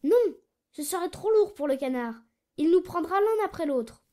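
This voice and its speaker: A small, frightened but brave girl from a fairy tale, voiced by a woman. She speaks in an earnest, pleading tone. Her voice is high and bright, as in a storybook reading. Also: animated, moderate pace.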